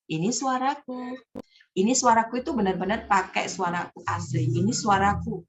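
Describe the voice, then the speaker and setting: A woman storytelling trainer leading a workshop, animated and often slipping into character voices. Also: medium pitch, moderate pace, a little hiss or hum.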